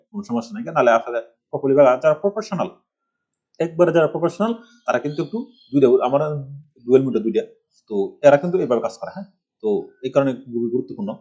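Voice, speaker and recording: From his village home, a middle-aged Bangladeshi instructor records a computer tutorial of his screen, meandering through it and posing rhetorical questions. His voice is a little high and a little mellow, and the audio sounds muffled.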